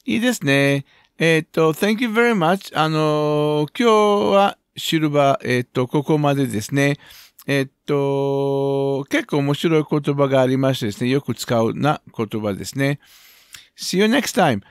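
A man leads a children's English lesson with slow, careful delivery, spelling out each word letter by letter. His voice sits a little high and moves around a lot in pitch. The sound is dry and close, with no room echo. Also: smooth. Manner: switches between English and Japanese. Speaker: English teacher.

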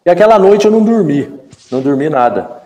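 A man from Brazil in his fifties, a former footballer and guest in a live chat, telling a story in an animated way and acting out the dialogue. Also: high voice, fast talker. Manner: animated storyteller who acts out quoted dialogue. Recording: echoey room with long reverb.

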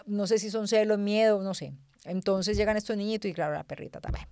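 Woman, podcast co-host, quick animated talk, dry close sound. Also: medium pitch, clear, resonant tone, no echo. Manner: animated storytelling with acted-out quotes and laughter. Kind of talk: casual chat.

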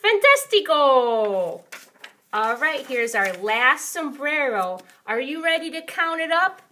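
A woman's voice: high-pitched, expressive, measured pace, sharp tone, slight background noise. A woman speaking as a kids show host, teaching young children in an encouraging, sing-song way with praise and questions.

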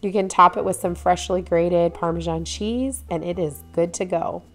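A woman's voice: fairly low pitch, moderate pace. A woman in her thirties chatting her way through a home cooking video, gushing over the food and filling her talk with "like" and "oh my goodness.". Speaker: cooking vlogger. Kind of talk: casual cook-along narration. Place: home kitchen, indoors.

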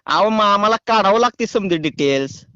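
A man making a prank phone call, calm and teasing in a mock-official way. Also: high voice, fairly quick, smooth, no echo. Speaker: prank caller.

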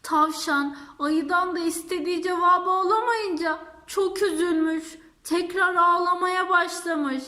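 A woman telling a fairy tale to children as a storyteller, at an unhurried pace. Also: very high-pitched, fairly even intonation. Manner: slow, warm-paced storytelling. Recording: echoey room.

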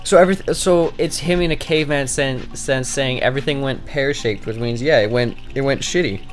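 A man co-hosting a casual let's play at a desk microphone, joking around with playful loud outbursts. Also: mid-range voice, brisk, soft background music. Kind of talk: casual gameplay commentary.

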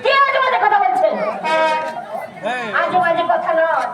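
A very high-voiced, sharp-tongued young wife scolds in jatra stage style. Her declamation rings through a large echoey hall with a noisy crowd. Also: very animated, measured pace, distant mic, exaggerated voice. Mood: indignant, threatening. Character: indignant, sharp-tongued young married village woman. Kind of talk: jatra folk theatre stage acting.

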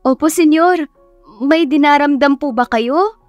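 A woman voicing a gentle, polite young female caregiver in an audio story. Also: high voice, unhurried, dry recording, dull audio, soft background music, pitched above the performer's own voice. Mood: polite concern.

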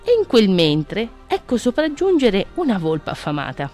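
Expressive Italian-speaking storybook reader woman. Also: medium pitch, moderate pace, soft background music. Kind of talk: storybook reading.

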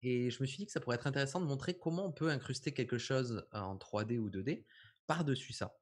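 A man talks through a visual effects tutorial in a loose, conversational way. His voice is slightly husky, and he pads his explanations with easygoing fillers. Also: mid-range voice, fast. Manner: casual, explanatory, frequent fillers. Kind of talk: live software tutorial chat.

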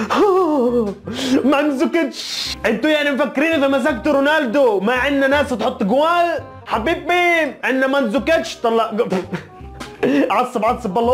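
A man doing casual football chat as a YouTuber, teasing and mock-scolding in an animated way. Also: very high voice. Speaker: football YouTuber reacting to results.

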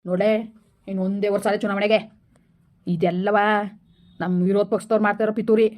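A woman playing a middle-aged village man who hushes and bosses his family to protect his election chances, in a comedy skit. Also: mid-range voice, little pitch movement, fast, close to an everyday voice. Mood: persuading. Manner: hushing, persuasive, bossy.

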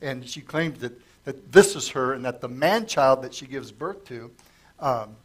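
A middle-aged pastor with a mid-range, slightly rough voice speaks a little slowly at a church lectern microphone. Coughing as his voice gives out, he keeps his verse-by-verse Bible teaching conversational and questions the congregation.

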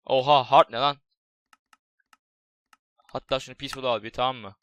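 Excitable young man doing game commentary. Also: mid-range voice, normal speed, slight background noise. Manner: excitable, jokey, swears, talks to his pet. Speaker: gaming YouTuber. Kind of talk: casual Minecraft let's play commentary.

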